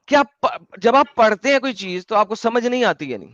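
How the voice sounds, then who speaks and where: Man, debate host on a live stream; high-pitched, insistent and argumentative, dry close audio. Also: lively intonation, a bit bright, dry recording, dull audio.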